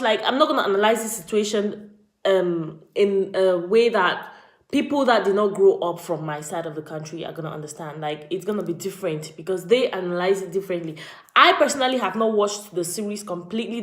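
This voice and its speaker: A woman from Cameroon talks straight to her viewers in a casual live stream, greeting them as they join. Her voice sits at an ordinary pitch. The room gives it a noticeable echo. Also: brisk. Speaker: vlogger.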